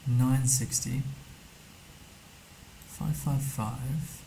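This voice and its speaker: A man's voice: medium pitch, fairly even intonation, very slow, vocal fry, warm tone, slight background noise, low-quality recording. A man streaming a map game, thinking aloud casually as he mutters guesses and reads numbers to himself. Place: indoor streaming setup.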